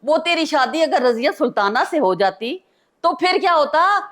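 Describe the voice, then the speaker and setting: A woman's voice: high voice, very animated, moderate pace. An actress playing a middle-aged mother who teases her son fondly. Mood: amused.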